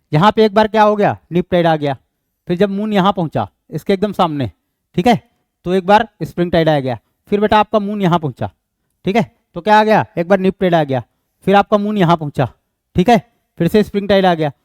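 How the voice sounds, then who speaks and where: A man's voice: high voice, darkish tone, dry recording, studio quality. A man with an Indian accent giving an exam-prep lecture, explaining step by step and answering his own questions. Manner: reads English question text slowly. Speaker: teacher.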